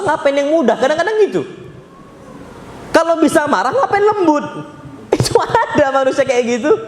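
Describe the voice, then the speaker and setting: A man with an Indonesian accent preaching a mosque study sermon, animated and questioning the crowd, dropping Arabic phrases. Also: sits high, slight background noise. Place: large mosque hall. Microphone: handheld or stand mic in a hall. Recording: echoey mosque hall with faint ambience.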